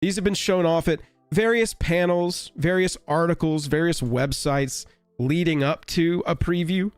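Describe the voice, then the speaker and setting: A man with a raspy, hoarse voice from being sick, hosting a casual live stream in a rambling, wry, offhand way. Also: a little high, measured pace, dry recording, faint music behind.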